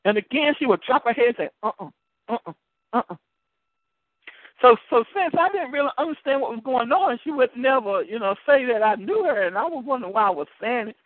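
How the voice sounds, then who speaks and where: Evangelist guy on a call-in show, high voice, swoops up and down a lot, repeats words, tinny dry phone sound. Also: fast talker, few pauses, no echo. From United States. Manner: animated storytelling with many word repeats and laughs. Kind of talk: testimony told to a caller.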